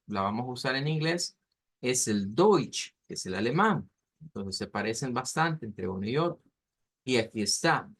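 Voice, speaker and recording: A man's voice: mid-range voice, a bit bright. Patient male language teacher. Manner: patient, explains step by step, models pronunciation slowly. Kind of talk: online class explanation.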